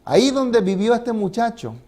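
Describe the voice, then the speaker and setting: A man's voice: extremely high pitch, expressive, normal speed, warm tone. A male pastor preaching a sermon in a church, speaking emphatically and letting his voice rise and fall. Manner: emphatic, rising and falling delivery.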